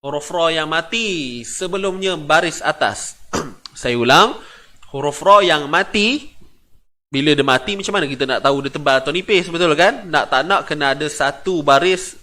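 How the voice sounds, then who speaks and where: A man with a Malaysian Malay accent leads a tajwid lesson, his voice sitting a little high for a man. He drills single syllables over and over, chants the verses slowly, and checks understanding with short questions. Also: bright, forceful tone. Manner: patient, repeats syllables, asks the class questions. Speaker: Quran recitation teacher.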